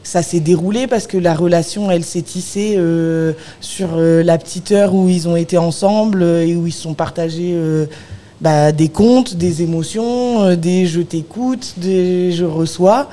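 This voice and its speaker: Cultural centre staffer, mellow tone, halting speech full of fillers. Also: medium pitch. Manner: hesitant, many fillers. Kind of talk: radio interview.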